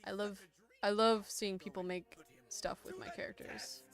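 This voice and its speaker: Brief: young woman artist, stuffy nose, casual playful livestream Q&A, desk mic, quiet music bed. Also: medium pitch, little pitch movement, moderate pace. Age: 20s. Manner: chatty, playful, self-mocking. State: congested. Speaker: artist streaming a Q&A. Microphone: desktop mic.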